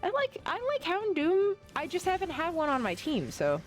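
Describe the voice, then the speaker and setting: A woman's voice: very high voice, huge pitch swings, normal speed, faint music behind. A woman streaming a game, chatting casually, rambling and often gushing as she plays. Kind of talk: casual live-stream chat while playing.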